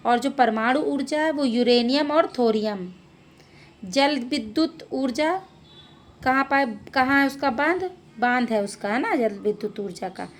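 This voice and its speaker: A woman teacher explaining a school geography lesson, reading each question and answer and then repeating it in simple words. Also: fairly high pitch.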